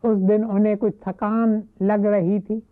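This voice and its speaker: A woman giving a devotional talk, retelling a story in a measured, reverent way. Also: medium pitch, flat delivery. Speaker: spiritual speaker. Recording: narrow phone-like lo-fi audio.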